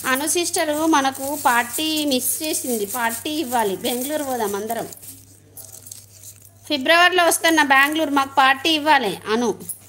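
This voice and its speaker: A middle-aged woman talks to her live-stream viewers in a high, chatty voice. She laughs easily and greets people as she goes. A faint hum sits behind her. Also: normal speed, sharp tone. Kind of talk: casual chat on a live stream.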